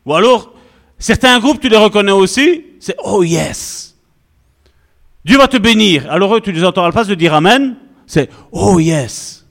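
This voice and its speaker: A male pastor giving an animated, conversational sermon full of asides to the congregation. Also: sits high, a little fast.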